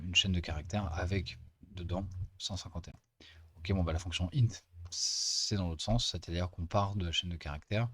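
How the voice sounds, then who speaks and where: A man, working as a teaching assistant, walking through code in a casual screen-recorded lesson, chatty and full of pauses as he explains. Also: low-pitched, a bit bright, dry recording.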